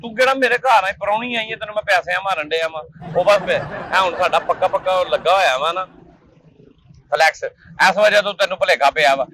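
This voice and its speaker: Comic man, quick and bright, a bickering stall-keeper who keeps telling a pest to get lost. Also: sits high, a little hiss or hum, low-quality recording. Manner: loud, bickering, shooing her away. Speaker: peanut seller in a comedy sketch. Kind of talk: scripted comedy sketch.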